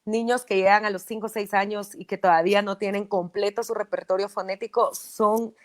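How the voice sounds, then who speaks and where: Patient woman explaining calmly. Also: medium pitch, brisk. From Guatemala. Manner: patient, explanatory, with frequent "¿verdad?" checks. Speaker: speech therapist. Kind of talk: interview, explaining.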